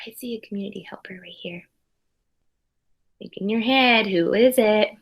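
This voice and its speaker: A woman's sharp, high-sided voice reads a storybook aloud to young children, full of expression. She is an early primary school teacher who breaks off now and then to chat with the kids.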